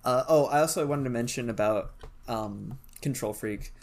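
A man at a medium pitch, chatting casually as a podcast co-host. He talks in an animated, easily amused way and swears casually. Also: normal speed, gravelly. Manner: laughs often, animated, swearing. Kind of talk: casual chat.

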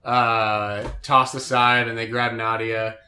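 A man's voice: medium pitch, little pitch movement, slow, pushed and bright. A man co-hosting a podcast, recapping an episode in a joking, boastful casual chat. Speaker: podcast co-host. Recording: roomy echo.

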